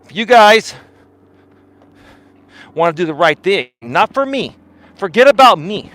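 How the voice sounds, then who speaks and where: Out on a walk, a man live-streams and rants bluntly at his viewers, arguing his points and repeatedly hedging with "in my opinion." His high-sitting voice has big pitch swings, a slightly slow pace, and a somewhat bright tone, with no echo.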